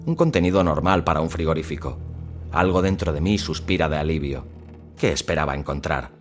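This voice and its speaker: A man reading a first-person suspense story in a measured, tense storytelling manner. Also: a bass voice, faint music behind. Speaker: narrator.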